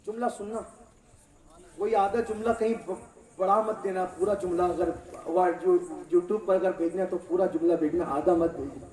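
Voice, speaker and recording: A man preaching a sermon to a congregation, impassioned, swinging from loud shouts to low, quiet lines. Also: fairly even intonation, normal speed. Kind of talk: Urdu-Hindi religious sermon to a congregation. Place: large hall or mosque gathering. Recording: echoey distant mic in a hall.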